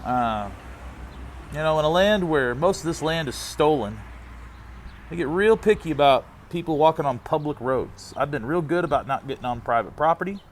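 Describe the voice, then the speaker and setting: An exasperated man delivering a candid, halting, rambling personal monologue as he vents. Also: a little high, animated. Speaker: vlogger on a long-distance walk. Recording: noisy outdoors with vehicle sounds.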